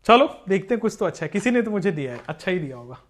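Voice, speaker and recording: Chemistry sir teaching live online, voice jumps all over, keeps joking with the kids. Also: male voice, sits high, quick pace, a little hiss or hum. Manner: animated, joking, talks to students as "beta". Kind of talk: live online class lecture.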